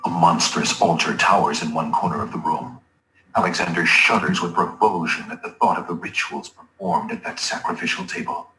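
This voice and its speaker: A solemn storybook narrator for a fantasy game. His low, forceful voice reads scripted narration in a measured, dramatic way, with a roomy sound and faint noise. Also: fairly even intonation, soft background music. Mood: ominous.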